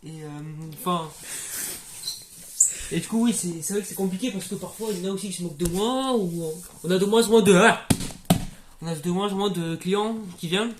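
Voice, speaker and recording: A young man voicing a baker with Tourette's in an amateur comedy sketch, breaking off into sudden shouted tics and laughs. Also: high-pitched, brisk, background noise, close to an everyday voice. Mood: blurting.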